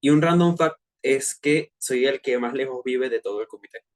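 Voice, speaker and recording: A Venezuelan student in his twenties presents a casual online personal finance workshop to his peers. Speaking at a moderate pace in a middle-pitched voice with a Venezuelan Spanish accent, he's relaxed and chatty, full of hesitant fillers and slang.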